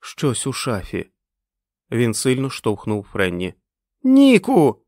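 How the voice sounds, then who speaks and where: A male audiobook narrator with a lowish voice tells the story expressively. The recording is dry and close, without room sound. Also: moderate pace, no echo.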